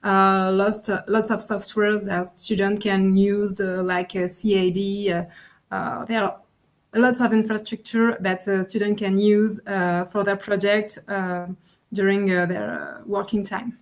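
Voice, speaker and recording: A school staff woman presenting the facilities in a halting way, with constant fillers. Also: medium pitch, level tone.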